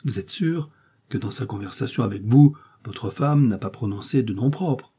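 A man reading aloud and voicing a cold, commanding male stranger in a cloak, with sharp questions. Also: mid-range voice, lively intonation, normal speed, husky. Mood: probing.

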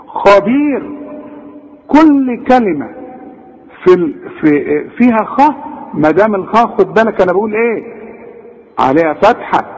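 A man's voice: high-pitched, long reverb tail, low-quality recording. A man with an Egyptian Arabic accent teaching Quran recitation, drawing out example words and asking his listeners rhetorical questions. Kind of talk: tajweed lesson in Egyptian colloquial.

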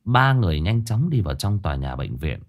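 A man narrating a ghost story in an expressive storytelling manner. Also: low-pitched, brisk, muffled recording.

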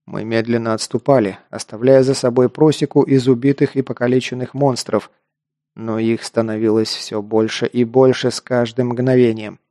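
A man narrating a first-person fantasy action audiobook, steady storytelling that lifts into louder voiced dialogue. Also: medium pitch, normal speed, no echo, studio quality.

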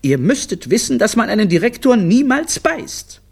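Man doing a flustered mother, shrill, scolding, very high, husky. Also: big pitch swings, moderate pace, exaggerated voice.

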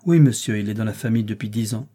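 A man reading an audiobook, voicing a reserved and firm young woman governess in measured, restrained dialogue. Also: fairly low pitch, warm tone, lightly acted. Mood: earnest.

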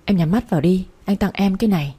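A stern young policeman husband in a storybook reading, firm and clipped, read by a woman in her own dark, husky voice. Little is changed from the narrator. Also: lowish voice, fast. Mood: teasing.

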